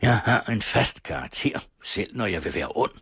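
A man voicing a furious, half-mad old baroness who scolds in shrill outbursts. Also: expressive, fairly bright tone, husky, no echo, clean studio sound, full character voice. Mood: brooding.

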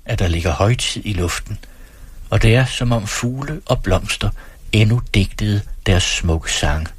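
A man reading a novel aloud in a measured storytelling manner. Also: lowish voice, animated, husky, no room sound. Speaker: reader.

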